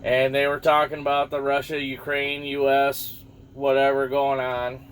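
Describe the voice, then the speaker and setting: A man's voice: medium pitch, monotone, unhurried, a bit bright, a little hiss or hum. A man rambling casually about the news to his viewers, losing his thread now and then and swearing offhand. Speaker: vlogger.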